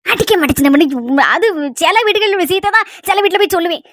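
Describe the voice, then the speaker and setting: A woman's voice: extremely high pitch, very fast, fairly bright tone, no echo, studio quality. A woman voicing a nosy, talkative old village mother-in-law in a cartoon, with a Kanyakumari Tamil accent and a chattering, nagging manner. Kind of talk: cartoon voice acting.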